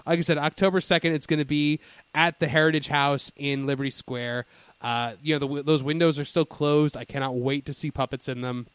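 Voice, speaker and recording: A man's voice: on the high side, fairly even intonation, brisk, a bit bright, clean tone, dry recording. A man co-hosting a podcast in casual chat, jokey and rambling, laughing often. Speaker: podcast co-host.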